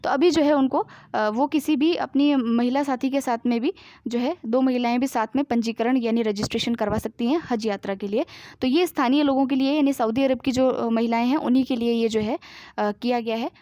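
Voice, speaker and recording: A woman with a high voice teaches current affairs to exam students. She reads each news item aloud, then breaks it down in simple asides full of fillers. The sound is close and dry, with no room echo. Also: steady tone, fairly quick, dark tone. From India. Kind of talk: explanatory current-affairs lesson.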